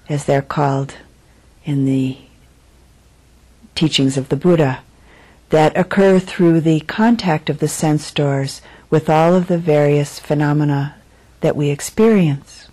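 A woman meditation teacher gives a guided dharma talk in a low, mellow voice. She speaks very unhurriedly, choosing her words deliberately and pausing often. The recording is rough.

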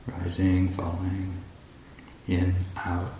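A meditation teacher with a low-sitting voice leads a guided meditation in a large, echoey indoor room at a retreat. He speaks calmly and deliberately, in short phrases separated by long pauses. The recording carries a roomy echo and faint background noise.

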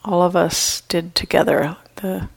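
In a guided meditation, a female teacher speaks gently and at an easy pace with long pauses. Her voice is on the low side, with vocal fry and fairly even intonation.

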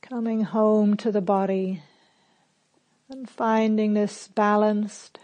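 In a mid-range voice, a woman gently leads listeners through a guided meditation, her calm phrasing spacious and her instructions separated by long pauses.

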